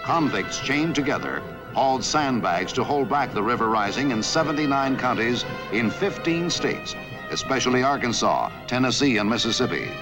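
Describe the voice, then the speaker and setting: A man narrating a scripted historical newsreel documentary in a measured, authoritative way. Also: medium pitch, expressive, low-quality recording. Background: background music.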